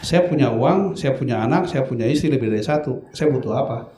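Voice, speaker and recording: A man's voice: mid-range voice, animated, brisk, warm tone, echoey room. A man giving a candid, earnest testimony as a guest on a talk show, acting out quoted lines with animation.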